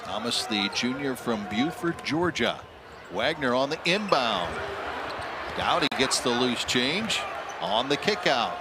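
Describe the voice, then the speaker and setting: A man's voice: mid-range voice, sing-song, unhurried, heavy background noise. A man calling live basketball as a play-by-play announcer. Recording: loud crowd and music behind commentary. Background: arena crowd, bouncing ball.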